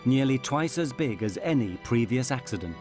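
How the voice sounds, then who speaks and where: A man narrating a documentary in a measured, dramatic scripted delivery. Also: medium pitch, lively intonation. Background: music.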